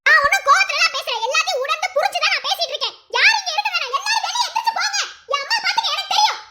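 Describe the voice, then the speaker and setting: A woman doing a furious, shrill sister. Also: racing, reverberant, slight background noise, full character voice. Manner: scolding, shouting orders. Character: furious proud woman defending her brother. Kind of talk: Tamil cartoon voice acting.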